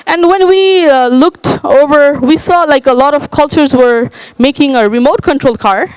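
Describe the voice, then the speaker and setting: Woman from Nepal, high voice, dry close sound, hesitant, panel talk. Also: normal speed, a little mellow, no room sound, rough recording. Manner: hesitant, many uhs and likes. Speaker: panel speaker. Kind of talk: conference presentation.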